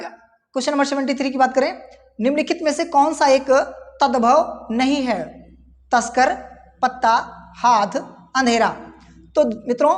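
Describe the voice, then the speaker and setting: A woman's voice: high-pitched, big-room sound. A woman teacher going through exam questions, reading out the options and repeating key words. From India. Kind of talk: exam-prep lesson.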